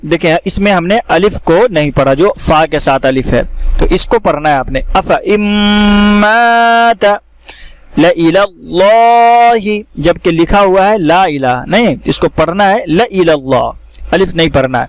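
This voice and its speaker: A man teaching how to read the Quran, explaining each word and then reciting it slowly with drawn-out vowels. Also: a little high. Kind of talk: step-by-step recitation lesson.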